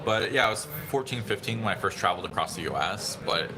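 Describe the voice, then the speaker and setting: This man talks quickly in a lowish voice while running a laid-back phone livestream, wandering between topics and answering chat. He's from San Diego, in his thirties, and the audio carries the noisy chatter of the busy restaurant he's in.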